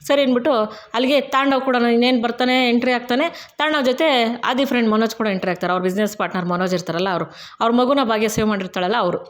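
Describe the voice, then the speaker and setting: A woman's voice: fairly high pitch, fast. A woman recapping a TV serial episode in a chatty, casual storytelling way, quoting the characters and asking viewers to subscribe. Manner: chatty, retells scenes with quoted dialogue, asks viewers to subscribe.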